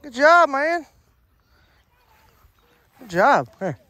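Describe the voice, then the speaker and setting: With a very high, sing-song voice, drawn-out words and a sharp tone, a Kentucky man in his thirties patiently talks kids through fishing step by step at a farm pond. He's an uncle and fishing vlogger, and the casual outdoor vlog was recorded on a handheld phone outside. The sound has no echo.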